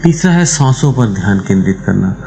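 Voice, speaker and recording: A man with a lowish voice explains a meditation practice step by step, calm and measured. Faint music plays quietly under his voice. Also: creaky, poor audio. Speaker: meditation channel host.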